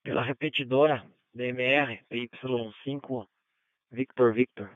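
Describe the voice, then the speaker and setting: A man's voice: mid-range voice, fairly even intonation, a little slow, no echo, phone-quality sound. A man, an amateur radio operator checking in over a band-limited digital repeater. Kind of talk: radio check-in with spelled call sign.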